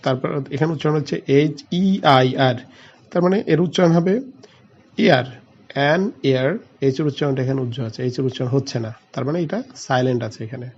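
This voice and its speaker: A man's voice: medium pitch, fast talker, a little mellow. Man explaining a lesson, muffled sound. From Bangladesh. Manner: explains step by step, spells out letters, asks and answers own questions. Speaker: teacher. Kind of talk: classroom grammar lesson.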